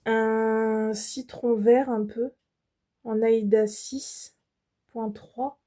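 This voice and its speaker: A woman's voice: fairly high pitch, fairly even intonation, drawn-out words, dark tone. A French woman hosting her embroidery channel, showing off fabrics in a casual, hesitant way with many fillers and restarts. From France. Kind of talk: casual product show-and-tell.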